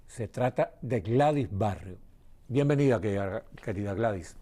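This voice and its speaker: A man hosting a television interview, introducing his guest and prompting her with lively questions. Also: on the low side, normal speed. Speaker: TV host.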